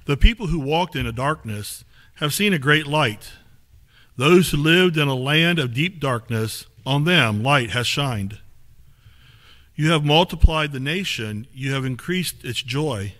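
With a voice pitched a little high, a lay reader reads scripture at a measured, even pace in a small sanctuary. The church service is recorded by a faraway camera.

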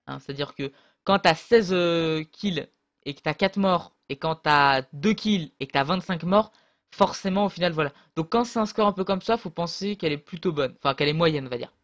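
A man's voice: on the high side, moderate pace, fairly bright tone. A man casually commentating his own online match, rambling and hesitant with many fillers and restarts, on a close desk mic.

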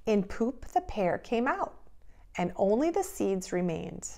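A middle-aged woman, as a preschool teacher, speaks to young children in a simple, deliberate, expressive read-aloud style of instruction. She uses a medium pitch with a sing-song lilt, and her voice is gravelly but a little mellow.

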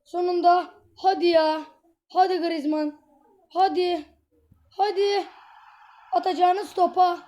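A woman giving live commentary while playing a mobile football game on a tablet, exasperated, excitable and a little hoarse. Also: extremely high pitch, slow, long pauses. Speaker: gameplay vlogger.

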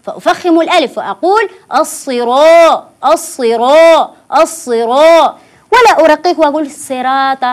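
High-voiced woman teaching Quran recitation. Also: lively intonation. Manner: patient, repeats words slowly syllable by syllable. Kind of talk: children's TV recitation lesson. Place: TV studio.

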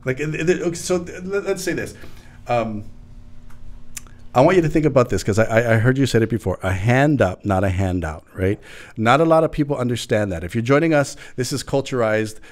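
His medium-pitched, darkish voice moves a little fast. The man hosts a relaxed podcast interview from a small studio, speaking animatedly into a studio mic with headphones and frequently restarting his sentences.

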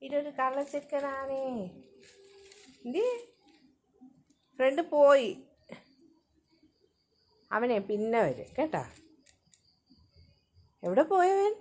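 A woman's voice: sits high, a little mellow, breathy edge. A woman filming her pet dog outdoors near her home gate, talking to it in coaxing, sing-song baby talk.

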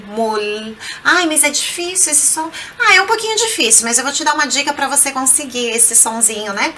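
A Brazilian woman teaches Italian in a bright, forward voice. She breaks words into sounds, repeats them patiently and urges the learner to try them. A faint hum sits behind her. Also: a little high. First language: Portuguese. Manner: explains pronunciation slowly, repeats words, coaxing asides. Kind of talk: language lesson.

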